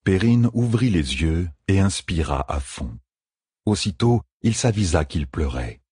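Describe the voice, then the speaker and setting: A man narrates a fantasy novel in a low, husky voice, measured and dramatic. The sound is dry and close, with no room. It reads like a studio audiobook. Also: animated, a little mellow, no echo.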